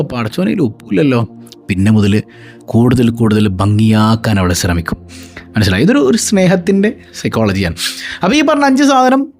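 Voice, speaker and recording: Animated woman giving an Islamic talk. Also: lowish voice. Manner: animated, often asks rhetorical check-in questions. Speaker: religious teacher. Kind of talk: Islamic class talk to listeners.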